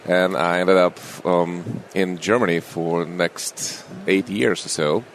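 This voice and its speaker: Deep-voiced man, unhurried. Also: steady tone, a little hiss or hum. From Russia. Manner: unhurried, friendly, with small grammar slips. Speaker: anesthesiologist guest. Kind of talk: casual interview conversation.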